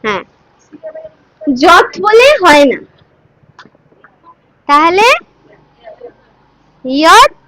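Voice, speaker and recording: A woman with a very high, bright voice leads a slow recitation lesson. She breaks verses into syllables and coaxes her students to repeat them, recorded dry and close. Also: sing-song, dry recording, poor audio. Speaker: Gita recitation teacher. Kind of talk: line-by-line Sanskrit pronunciation lesson.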